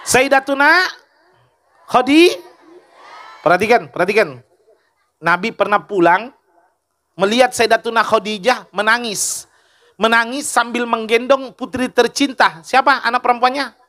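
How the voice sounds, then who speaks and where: A man's voice: very high voice, fairly even intonation, normal speed, pushed and bright. A male preacher giving a humorous sermon, joking with the audience and asking them questions.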